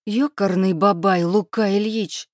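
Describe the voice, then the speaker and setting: A man reading an audiobook, voicing a bossy, fiery pregnant young wife who scolds in sharp, raised outbursts. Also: mid-range voice, steady tone, a little slow, no room sound, studio quality, pitched above the performer's own voice, natural voice. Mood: angry. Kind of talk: audiobook character voice.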